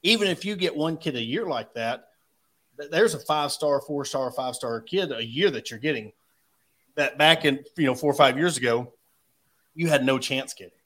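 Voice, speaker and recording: Male sports host, mid-pitched, folksy and conversational delivery. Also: normal speed, fairly bright tone. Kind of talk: casual sports talk.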